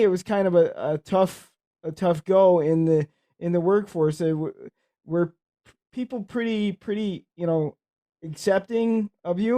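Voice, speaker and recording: A man hosting a podcast in casual chat, halting and repeating words as he searches for them. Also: high-pitched, mellow. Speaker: podcast host.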